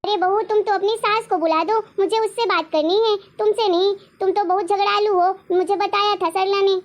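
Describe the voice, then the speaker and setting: A woman's voice: extremely high pitch, fairly even intonation, moderate pace. A woman voicing a haughty older neighbour aunty in a cartoon story.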